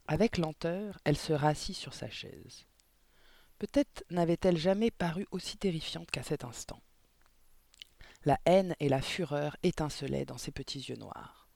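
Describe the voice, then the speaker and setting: A man with a slightly high voice narrates a children's novel aloud, telling the story expressively. The recording is dry and close, with no room sound. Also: unhurried, creaky, a little mellow, dry recording. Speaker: audiobook reader. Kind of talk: scripted narration.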